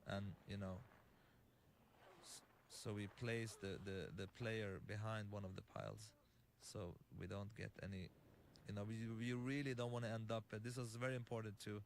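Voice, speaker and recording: A man speaks low and in a level, barely moving tone. He talks through his game as its creator, stopping and restarting often and leaning on fillers as he explains. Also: steady tone, vocal fry, slight background noise. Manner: halting, many fillers and restarts. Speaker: game creator giving commentary. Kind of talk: developer commentary.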